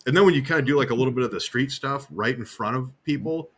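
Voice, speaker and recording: A man's voice: medium pitch, fast talker, breathy edge. A man co-hosting a live online hypnosis show, telling stage stories with stammered restarts over a video call. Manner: animated anecdote teller, stammering restarts. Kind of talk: casual storytelling chat.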